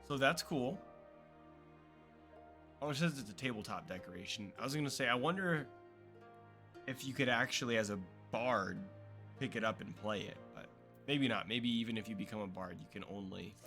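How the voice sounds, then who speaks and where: A man's voice: medium pitch, normal speed, pauses often, bright, forceful tone, faint music behind. A young adult man chatting casually as a streamer while playing, reading game text aloud. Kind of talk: casual gameplay commentary.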